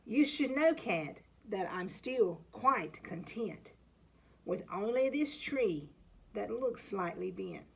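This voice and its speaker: Gentle old lady, as a woman reads her, slightly husky. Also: mid-range voice, animated, slow pace, exaggerated voice. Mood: tender, consoling. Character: kindly, sentimental older woman who lives alone. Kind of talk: children's storybook read-aloud.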